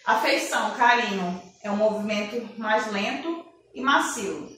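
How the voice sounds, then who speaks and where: A woman's voice: medium pitch, lively intonation, measured pace, fairly bright tone. Teacher woman in an echoey room. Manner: explanatory, asks rhetorical questions and answers them; names signs one by one while demonstrating. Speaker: sign language teacher. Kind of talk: online class lesson. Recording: roomy echo from a distance, faint noise.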